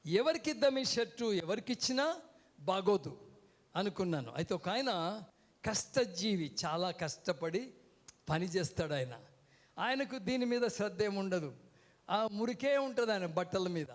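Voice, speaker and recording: During a call-and-response sermon on a church stage, a guest preacher keeps hailing the crowd with "hello" and has them echo his words. He speaks at a normal speed in a high, animated voice, leaving long pauses.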